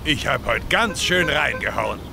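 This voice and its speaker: A man's voice: medium pitch, lively intonation, unhurried, vocal fry, music in the background. A man voicing an easygoing, breezily confident, bumbling daddy pig in a children's cartoon. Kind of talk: cartoon voice acting.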